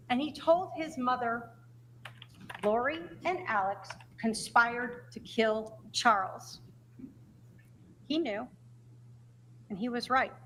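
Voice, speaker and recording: Higher-voiced woman prosecutor, emphatic closing argument. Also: a bit bright. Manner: emphatic, deliberate rhetorical phrasing with repeated refrains. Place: courtroom. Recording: noisy courtroom recording.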